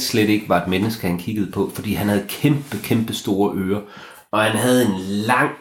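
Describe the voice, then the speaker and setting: A man's voice: lowish voice, reverberant. Man improvising a bedtime story. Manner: hesitant, searching for words.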